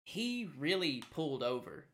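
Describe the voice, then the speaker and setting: A man's voice: a little high, sing-song, a little slow, fairly bright tone. A man co-hosting a casual sports podcast, talking hesitantly with fillers and trailing sentences. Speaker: podcast co-host.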